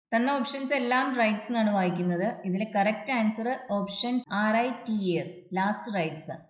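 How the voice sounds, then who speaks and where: A woman tutor explains grammar point by point and reads English example sentences slowly and deliberately. Her voice sits at a middle pitch. The recording is dull and muffled, with a roomy echo. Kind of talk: exam prep lesson. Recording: dull echoey room recording.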